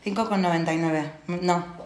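A woman's voice: on the low side, steady tone, normal speed. A woman co-hosting a casual podcast chat, venting her pet peeves bluntly and with exasperation. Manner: blunt, exasperated complaints with laughter. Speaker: podcast co-host. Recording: roomy studio room.

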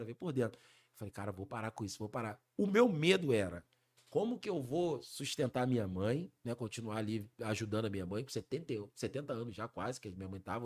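Fast-talking Rio man telling a story. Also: mid-range voice. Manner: animated, slangy, acts out the voices of the people in his story. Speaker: funk singer, podcast guest. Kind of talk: storytelling in a casual podcast chat.

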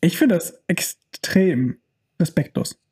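His voice sits high and husky with a darkish tone, swinging widely in pitch while he speaks slowly. This young adult podcast co-host rambles through a casual film discussion, joking and frequently leaving sentences unfinished.

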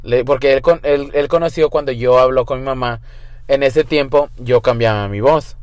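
A man's voice: mid-range voice, moderate pace, a little mellow, no echo. Campy young man telling a crude story. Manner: camp, crude slang, mixes English and Spanish. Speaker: guest storyteller. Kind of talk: casual storytelling.

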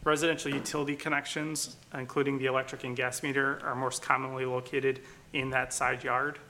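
A man's voice: medium pitch, vocal fry, pushed and bright. A man working as city staff, speaking formally at a public meeting into a room microphone. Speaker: city planning staff presenter. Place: council chamber meeting room. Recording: meeting room mic, faint noise.

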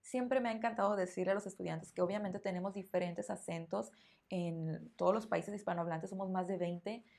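A woman's voice: fairly low pitch, fairly even intonation, a little fast, vocal fry, darkish tone. Mexican woman explaining in easy conversation. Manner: explanatory, thoughtful, repeats words while searching. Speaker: Spanish teacher, podcast host. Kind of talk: conversational podcast interview.

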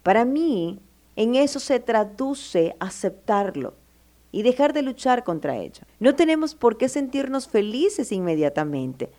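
A woman's voice: on the high side, very animated, unhurried, warm tone. A woman giving motivational advice to her listener. She talks with affection, calls the listener "my love", and stresses her points with feeling. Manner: emphatic, acts out listener's inner doubts. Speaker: advice speaker.

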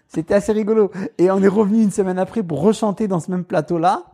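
A man's high, creaky voice moves at a quick pace as he shares casual stories as a guest. He has a Paris suburban accent from France, and his animated telling includes frequent laughter and mimicry of other people.

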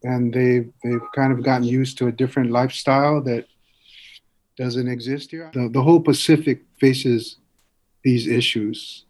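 A man's voice: mid-range voice, steady tone, moderate pace, darkish tone. A man speaking as an interview guest in a thoughtful, explanatory way, sometimes posing questions to himself.

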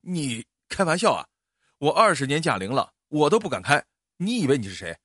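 A cranky old hand behind the wheel snaps and grumbles in a gruff, jumpy voice, as a male storyteller plays him. His lines rise sharply when he is fed up. The sound is dry and close. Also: a little high, sing-song, a little fast, pushed and bright, no echo, full character voice. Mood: irritable. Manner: gruff, irritable. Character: grumpy veteran male ambulance driver.

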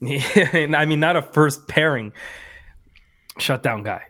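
A man hosting a casual sports podcast, animated and hedging his opinions. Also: fairly high pitch, slow. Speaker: podcast host.

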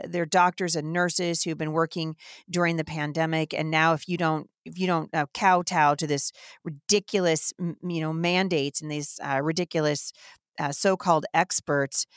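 Indignant low-voiced woman host. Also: fairly even intonation, no echo, studio quality. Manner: indignant, emphatic, fast-flowing. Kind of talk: impassioned devotional talk.

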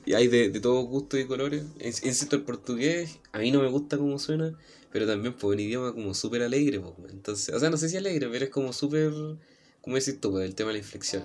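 A man with a Chilean accent chats casually in an easygoing, even-tempered, monotone voice full of slang. Faint guitar music plays underneath. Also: mid-range voice. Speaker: co-host. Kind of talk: casual podcast chat.

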